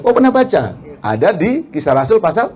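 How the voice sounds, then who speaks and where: Male pastor, high and animated, questions the room as he preaches. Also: dull audio. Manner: asks the congregation questions, quick laughs, acts out quarrels. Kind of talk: lively sermon.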